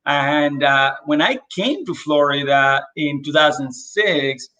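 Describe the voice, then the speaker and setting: This Dominican man, a real estate agent appearing as an interview guest, speaks over a video call in a fairly high, slow voice with a sharp edge. He tells his story animatedly, packing it with fillers.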